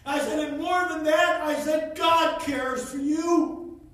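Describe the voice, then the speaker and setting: A man preaching a sermon, telling a story with rising passion until he shouts. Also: very high-pitched, steady tone, slow. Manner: impassioned, builds to shouting. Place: church sanctuary. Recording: echoey church from far off.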